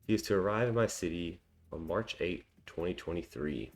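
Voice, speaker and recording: A man with a low voice and a moderate pace hosts a cybersecurity walkthrough, thinking out loud. He's a native English speaker, casual and self-deprecating, dropping frequent ums and little laughs.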